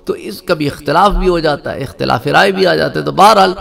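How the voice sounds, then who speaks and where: A man's voice: fairly high pitch, gravelly, fairly bright tone, soft background music. A man giving an Islamic history lecture, telling the story with quoted speech and recited verses. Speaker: religious lecturer.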